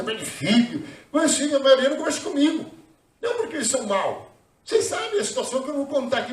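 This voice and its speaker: A man with a Brazilian Portuguese accent preaching a sermon in a church hall, emphatic, with frequent hallelujahs. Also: extremely high pitch. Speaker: pastor. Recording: roomy echo, voice from far off.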